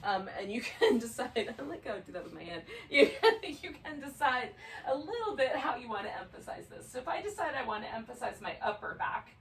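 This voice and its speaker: A woman leads a yoga class in an easy, chatty manner and laughs often. Her voice sits at an ordinary middle pitch. She is picked up from some distance in an echoey room. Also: gravelly, a little hiss or hum. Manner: relaxed, chatty, laughs easily. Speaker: yoga instructor. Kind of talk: guided yoga class instruction. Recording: roomy sound, mic at a distance.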